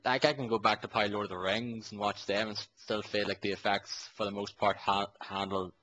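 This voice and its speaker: A man in his late twenties chats casually on a podcast in a lowish voice. He rambles through fillers and restarts and swears now and then. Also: steady tone, brisk, bright, forceful tone, rough recording. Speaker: podcast co-host. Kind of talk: casual chat.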